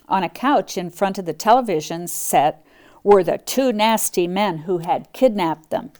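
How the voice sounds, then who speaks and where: Female kids show host for storytime, unhurried delivery, talking directly to little children and reading aloud to them. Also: medium pitch, a little mellow. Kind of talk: reading picture books aloud to young children.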